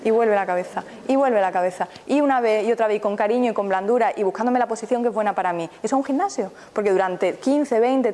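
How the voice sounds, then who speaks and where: Fast-talking woman teaching mindfulness. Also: a little high, darkish tone. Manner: engaging, keeps asking the audience questions. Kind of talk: live talk to an audience. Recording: reverberant hall, faint background noise.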